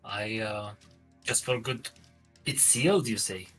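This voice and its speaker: A man's voice: lowish voice, slow, a bit bright, soft background music. A man playing a tabletop role-playing game, talking casually as he says what he does.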